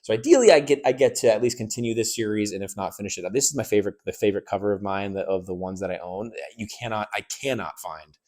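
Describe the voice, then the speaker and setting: A young man chats casually about the books he plans to read, rambling and correcting himself as he goes. His voice sits a little low, and his eagerness carries through the stumbles. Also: fast, hardly any pauses, a little mellow. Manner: rambling, self-correcting, enthusiastic. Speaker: book YouTuber. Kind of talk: casual reading-plans chat.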